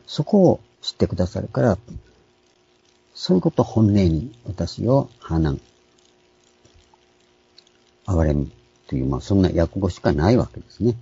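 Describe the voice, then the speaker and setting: Deep, dark-voiced man preaching. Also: a little slow, vocal fry, pauses often, husky, highs cut off. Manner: calm explanatory teaching, many fillers. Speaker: pastor. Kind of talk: sermon on scripture names.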